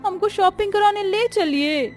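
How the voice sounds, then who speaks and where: A woman voicing a scheming young bride with a Bhojpuri-tinged accent and shrill, theatrical wailing. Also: measured pace, faint music behind. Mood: pleading. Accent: Bhojpuri-tinged Hindi.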